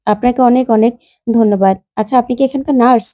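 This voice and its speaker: A woman's voice: a little high, quick pace, dark tone, no room sound, lo-fi sound, lightly acted. A woman doing a confused young husband. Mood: bewildered. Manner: bewildered, pleading.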